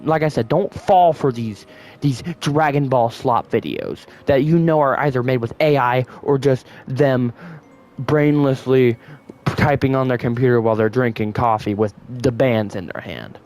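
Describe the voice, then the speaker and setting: A man's voice: medium pitch, measured pace, darkish tone. A man giving casual online commentary, rambling with frequent self-corrections. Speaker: YouTube commentator.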